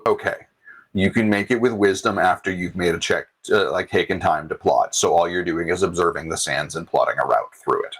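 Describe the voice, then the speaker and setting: A man narrating as game master of a tabletop game, relaxed and searching for words with many fillers. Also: deep voice, fairly quick, breathy edge, low-quality recording.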